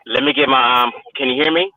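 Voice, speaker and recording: A man's voice: medium pitch, fairly even intonation, a little fast, crowd noise. A man calling in on a frozen video call while he drives. He keeps stopping to check whether anyone can hear him. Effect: frozen video call, calling in from a moving car. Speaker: guest joining a livestream by video call. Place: inside a car while driving. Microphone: phone on a video call. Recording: tinny phone-like call line from off-mic.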